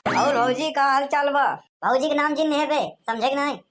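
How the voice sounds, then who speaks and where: A woman's voice: high voice, steady tone, normal speed. A woman with an Awadhi accent performing rustic village banter for a comedy cartoon, brash, scolding and teasing.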